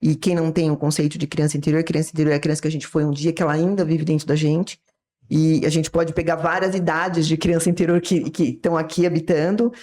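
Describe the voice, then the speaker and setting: A woman's voice: deep voice, little pitch movement, quick pace, mellow. Brazilian woman explaining like a teacher. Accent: Brazilian Portuguese. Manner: didactic, acts out little dialogues from examples. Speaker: psychiatrist guest. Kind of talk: explanatory interview talk.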